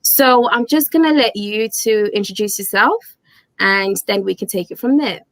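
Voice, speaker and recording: A woman's voice: mid-range voice, moderate pace, fairly bright tone, no room sound, poor audio. A woman hosting a casual interview on her channel, speaking in an earnest, emphatic way. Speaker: host.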